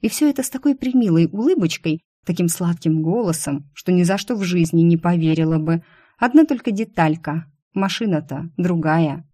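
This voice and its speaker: A woman narrating a first-person audiobook in a wry, lively storytelling manner. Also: lowish voice, normal speed, no room sound, clean studio sound.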